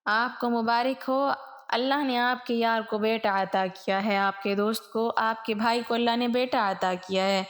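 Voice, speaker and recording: A woman's voice: on the high side, fairly even intonation, lightly acted. A woman voicing the caliph's wife, who announces good news to her husband. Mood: joyful. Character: joyful woman, the caliph's wife acting as midwife.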